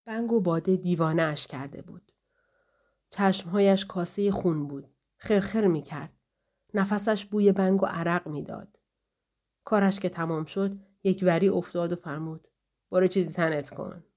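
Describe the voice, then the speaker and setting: A woman reading a novel aloud in the first person, calm, measured and somber. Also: fairly low pitch. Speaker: audiobook narrator.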